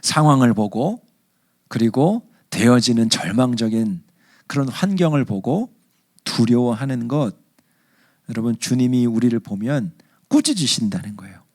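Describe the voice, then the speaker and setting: A male pastor preaching a sermon at a church service, telling stories in an animated way. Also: mid-range voice, moderate pace. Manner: animated storyteller acting out scenes.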